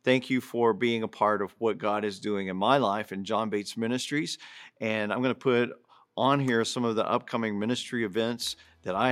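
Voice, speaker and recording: A man's voice: fairly low pitch, fairly bright tone. A man hosting a ministry show, thanking his guest and viewers at the close. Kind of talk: closing remarks.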